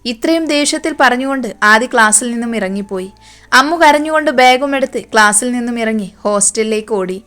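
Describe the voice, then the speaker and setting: A woman reading a romance story aloud at an even pace. Her voice sits a little high for a woman, and she keeps the quoted lines soft. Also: fast, smooth.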